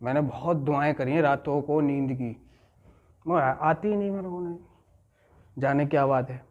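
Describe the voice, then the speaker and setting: Man, addiction recovery teacher, story-driven lecture, repeats phrases, quizzes listeners, slightly high, dull recording. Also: moderate pace, a little mellow. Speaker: addiction recovery class leader. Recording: muffled lo-fi recording.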